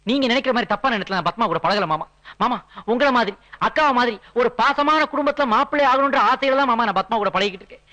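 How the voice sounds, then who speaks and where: An earnest young suitor begging the family to hear him out. His voice is bright and high, and it runs quick and lively. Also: full character voice. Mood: pleading. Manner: pleading, eager.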